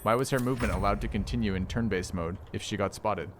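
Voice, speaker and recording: A man's voice: lowish voice, fast talker, a little hiss or hum. A man streaming a strategy game, thinking aloud in casual commentary, puzzled and now and then swearing at the game's rules.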